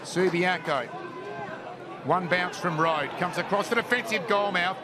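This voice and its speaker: Over the noise of a crowd at an outdoor venue, a high-pitched Australian man delivers a descriptive running commentary on a live football match. He speaks a little slowly.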